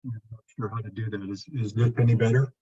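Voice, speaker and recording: A man giving formal testimony over a remote call line, his voice muffled as if heard through a wall, in a measured, technical way. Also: fairly low pitch, fairly even intonation, dark tone, breathy edge. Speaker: public testifier at a council meeting. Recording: dull muffled lo-fi remote audio.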